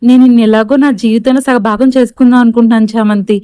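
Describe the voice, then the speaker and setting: A woman's voice: fairly high pitch, fairly even intonation, fast, mellow, smooth, no echo, studio quality, natural voice. A woman voicing a loving, protective young husband, talking in a firm, reassuring way.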